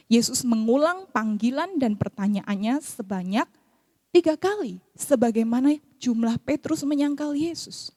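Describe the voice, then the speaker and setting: A woman, preaching and counseling in a lively sermon style. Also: high-pitched, dry recording, clean studio sound. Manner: lively, acts out quoted voices. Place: church.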